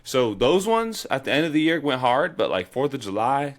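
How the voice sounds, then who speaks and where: A young man co-hosting a podcast, telling stories in an easygoing, animated way with casual swearing. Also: mid-range voice, normal speed. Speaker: podcast co-host. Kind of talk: casual chat.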